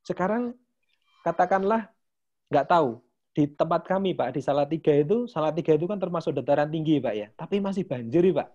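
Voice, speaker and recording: A man's voice: a little high, expressive, fairly quick, darkish tone, highs cut off. A man, casually explaining teaching ideas to teachers on a video call. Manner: casual and chatty, ends phrases with Pak. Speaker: teacher trainer leading an online session.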